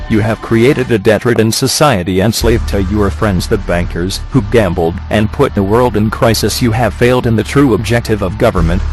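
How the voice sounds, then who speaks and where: A man speaking through a disguised deep voice, reading a scripted protest statement in a flat, steady, accusing way as an activist spokesperson. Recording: clear music bed behind the voice.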